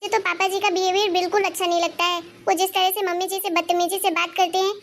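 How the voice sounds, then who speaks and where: A woman's voice: very high voice, little pitch movement, fast, a bit bright. A woman voicing a caring, outspoken young daughter-in-law in a cartoon story, speaking earnestly and with concern. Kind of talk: cartoon voice acting.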